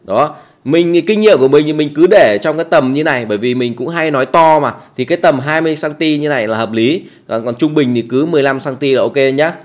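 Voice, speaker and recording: Brief: male tutorial host, slightly high voice, loose chatty delivery full of fillers, small closed room. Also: fast talker. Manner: chatty, many fillers and repeats, tag words at ends. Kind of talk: casual how-to tutorial.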